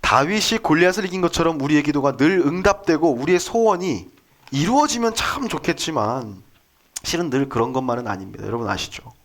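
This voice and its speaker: Male preacher in his 30s, animated pitch, chatty and joking with the congregation. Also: brisk. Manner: conversational, jokey, asks the congregation questions. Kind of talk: sermon with storytelling.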